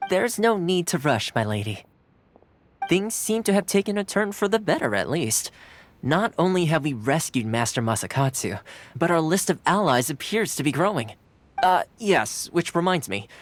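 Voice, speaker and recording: An actor with a slightly high, very animated voice plays a cheerful young male retainer in a video game, speaking at normal speed. He's easygoing, polite and amiable with a playfully boastful streak, in a dry game-audio recording with soft music behind.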